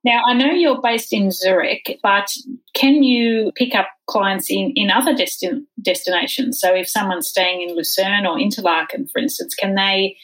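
A woman's voice: mid-range voice, normal speed, fairly bright tone, rough recording. A woman interviews a guest in a conversational tone. She asks follow-up questions and affirms what the guest has said.

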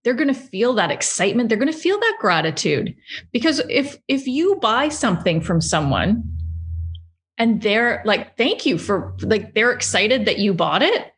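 A bubbly woman talking business on a podcast, her slightly high voice bouncing up and down with excitement. She laughs easily and acts out little imagined quotes as she goes. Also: normal speed. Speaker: podcast co-host, business coach. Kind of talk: casual chat.

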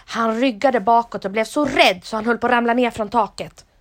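Storyteller woman, expressive bedtime-story reading, somewhat high pitch. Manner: lively, expressive read-aloud.

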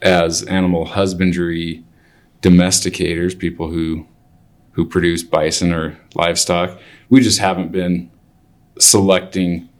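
An older man interviews in a fairly low voice at a very slow pace. He sounds like a deliberate cattleman, reasoning aloud and building each question in pieces. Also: level tone.

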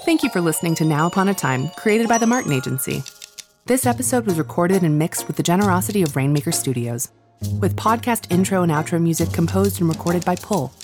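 A woman announcer reading the closing credits of a podcast in an even, friendly way. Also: lowish voice, quick pace. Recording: voice over clear background music.

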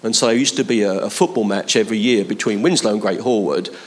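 A man's voice: lowish voice, quick pace. A man preaching a conversational sermon, building to emphatic appeals to his listeners. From London, England.

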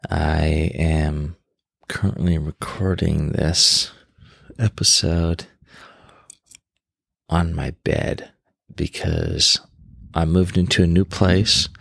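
Deep, slow, gravelly man podcasting casually. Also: fairly bright tone, no room sound, clean studio sound. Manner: rambling, unscripted, informal. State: tired. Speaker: podcast host. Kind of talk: casual solo podcast chat. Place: bedroom in a new home, on his bed.

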